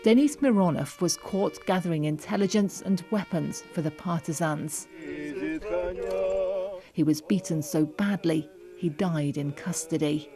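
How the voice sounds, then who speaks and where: A woman's voice: low voice, a little slow, music in the background. A woman narrating a scripted news report as a correspondent.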